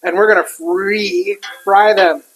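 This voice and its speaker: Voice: medium pitch, steady tone, slow, fairly bright tone, slight background noise, low-quality recording. A cook giving a casual, chatty cooking demonstration while working a griddle, with food sizzling and utensils clinking behind.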